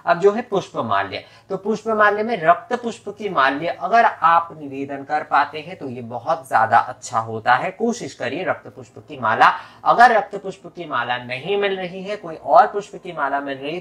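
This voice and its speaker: Guy walking you through a puja, explains then chants the mantras slow, lots of little fillers. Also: a little high, animated, pushed and bright. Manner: many fillers and restarts, addresses viewers directly. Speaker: puja instructor. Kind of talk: step-by-step ritual instruction.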